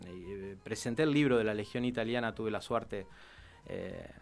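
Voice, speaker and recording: A man, a historian guest in a radio interview, telling history in an animated way with many restarts. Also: lowish voice, normal speed, vocal fry, faint music behind.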